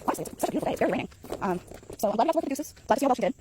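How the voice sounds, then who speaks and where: Animated woman dog trainer outdoors. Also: rapid-fire, noisy background. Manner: praises the dog in high sing-song bursts between calm explanations. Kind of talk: casual vlog narration while training a dog. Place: outdoor park path near geese.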